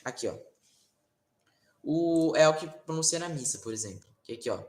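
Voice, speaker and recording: A man with a Brazilian Portuguese accent giving a casual online Latin lesson, explaining slowly with many fillers and tag questions. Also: fairly high pitch, lively intonation, a little mellow. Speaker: Latin teacher. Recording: roomy echo.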